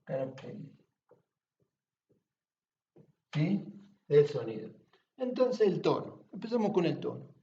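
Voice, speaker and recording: A man teaching at home, explaining patiently and checking understanding with frequent quick questions. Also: a little high, sing-song, creaky, warm tone, roomy sound. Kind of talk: classroom-style explanation. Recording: distant, dull lo-fi home recording.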